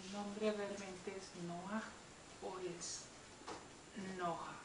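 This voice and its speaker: Quiet woman student, off-mic. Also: mid-range voice, level tone, very slow. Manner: quiet, brief acknowledgments and questions. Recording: distant in echoey room with noise.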